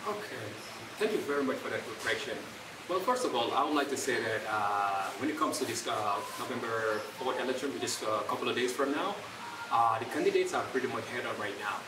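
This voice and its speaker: Fast-talking young man from Gambia, distant. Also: medium pitch, expressive. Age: young adult. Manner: fast talker with many "uh" fillers and restarts. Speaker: guest, entrepreneur. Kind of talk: interview answers. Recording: roomy, distant, loud ambient noise.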